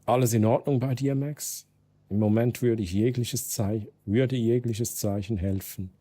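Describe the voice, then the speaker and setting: A man's voice: medium pitch, fairly even intonation, measured pace, warm tone, natural voice. A man with a Swiss German accent reading out the nervous texts of a shaken young man. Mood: anxious. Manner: nervous, self-aware text messages read aloud.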